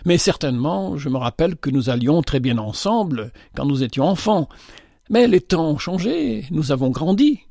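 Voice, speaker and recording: Man reading as a composed young lady, light and firm, pitched up, dry close mic. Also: big pitch swings, moderate pace, gravelly, mellow, no room sound, full character voice. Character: young woman, poised, lightly teasing, then firm. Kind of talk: audiobook dialogue reading.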